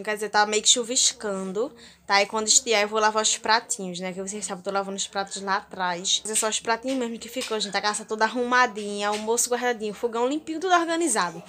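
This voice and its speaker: Bright-voiced young Brazilian woman vlogging. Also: mid-range voice, a little hiss or hum. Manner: chatty, keeps addressing viewers warmly with diminutives. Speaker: home vlogger. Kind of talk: casual home vlog. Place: small home, indoors. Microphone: phone at arm's length.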